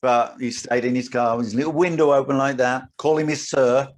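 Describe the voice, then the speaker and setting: An older man, a podcast co-host telling an animated story in casual chat. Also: medium pitch, fairly quick. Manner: animated storyteller, acts out his own lines.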